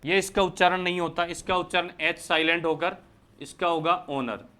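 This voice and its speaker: A man's voice: high-pitched, level tone, fairly quick, pushed and bright, clear, resonant tone. A man from India teaching English grammar in a lecture, who keeps asking the class questions and answering them himself. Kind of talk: Hindi lecture explaining English articles.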